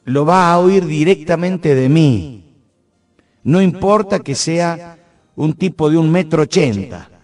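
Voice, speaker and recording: A man's voice: on the high side, expressive, slow pace. A middle-aged man with an Argentine accent from San Juan, telling a story and then reflecting on it in an earnest, hesitant way, often restarting his sentences. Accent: Argentine Spanish, Cuyo (San Juan). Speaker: radio host. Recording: soft music underneath. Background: faint music.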